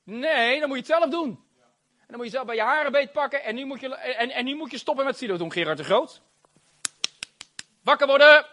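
A man preaching a sermon, animated and exclamatory, with frequent hallelujahs and amens and laughter between phrases. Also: very high-pitched, fast talker, noisy background.

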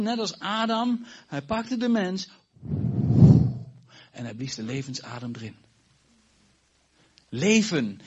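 A man preaching to a congregation with a husky, slightly breathy voice that sits a little high for a man. He repeats himself for emphasis and stumbles, turning aside now and then to address the people in the room. The recording is dull and lo-fi. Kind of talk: sermon. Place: church congregation.

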